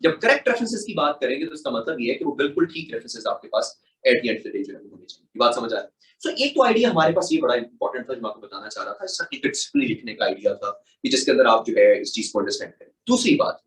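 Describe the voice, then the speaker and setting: A man's voice: medium pitch, quick pace. A middle-aged man with a Pakistani Urdu accent, an exam mentor explaining with rhetorical questions. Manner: animated, rhetorical questions, mixes English terms. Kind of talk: explaining in a panel talk. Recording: echoey room, mic at a distance.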